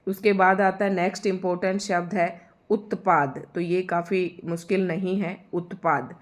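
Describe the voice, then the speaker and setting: A woman teaching a spoken spelling lesson for exam students, slow and deliberate, sounding out each syllable and repeating key words patiently. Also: on the low side, steady tone. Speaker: Hindi teacher.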